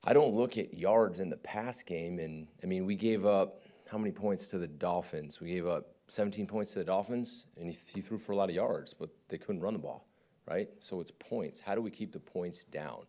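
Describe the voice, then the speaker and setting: A man's voice: low voice, moderate pace, mellow. A man, a football defensive coordinator, answering reporters' questions candidly and conversationally at a press conference. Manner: candid, conversational, often asks "right?".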